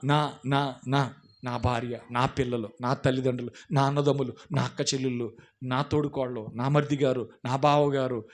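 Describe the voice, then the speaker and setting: A pastor with a Telugu accent preaching a sermon, swinging from loud emphatic repetition to low asides and direct questions to the congregation. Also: male voice.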